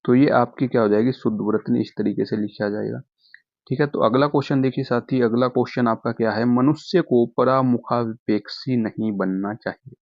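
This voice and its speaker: A young man teaching an online exam-prep class, speaking to students as friends and saying "okay" after nearly every point. He slows down to sound out difficult words syllable by syllable, in a mid-range voice. The sound is dry and a little muffled. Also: mid-range voice, steady tone, no room sound. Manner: addresses students as friends, repeats "ठीक है" constantly; spells words out slowly, stressing syllables. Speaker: Hindi teacher.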